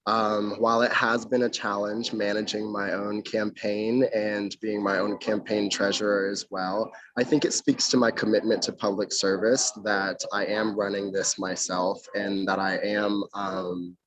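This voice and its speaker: A man's voice: on the low side, flat delivery, measured pace, hardly any pauses, a bit bright, poor audio. A young man from North Carolina, a mayoral candidate, answering interview questions formally over a video call from outdoors, with frequent ums. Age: young adult.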